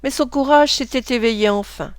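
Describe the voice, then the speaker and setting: A woman reads a classic novel aloud in a steady, measured audiobook style. Her voice is crisp and a little high, recorded dry and close. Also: no room sound. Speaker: reader.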